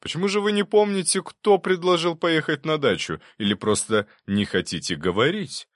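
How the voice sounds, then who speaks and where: A man's voice: a little high, normal speed, dry recording, clean studio sound, pitched above the performer's own voice, close to an everyday voice. A man reading an audiobook, voicing a persistent assistant prosecutor who cross-examines with pointed questions.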